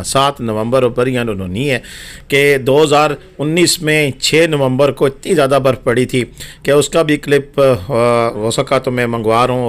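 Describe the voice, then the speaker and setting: A man narrating a travel and weather update as a voice-over, chatty and informal, with frequent fillers. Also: medium pitch.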